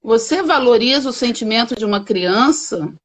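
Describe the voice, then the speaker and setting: Heard through a low-quality video call, a children's coach with a Brazilian Portuguese accent answers interview questions at a moderate pace. Her fairly high voice has lively intonation, and she explains emphatically, drawing out the key words.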